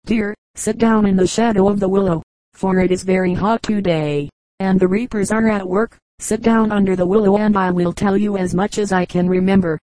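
A woman reading the part of a cheerful talking brook in a storybook, gentle and fond, with an even, mellow voice. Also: medium pitch, moderate pace, dry recording, close to an everyday voice, rough recording. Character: cheerful chattering brook, endlessly happy.

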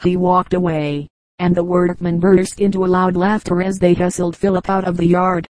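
A woman reading a storybook aloud in a steady, even narrating manner. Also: lowish voice, moderate pace, no echo, low-quality recording. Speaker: audiobook reader.

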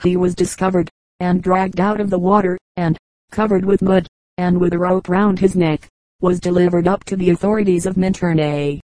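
A woman reading a history book aloud as scripted narration, at a measured, even pace. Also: lowish voice, no room sound, poor audio. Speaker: audiobook reader.

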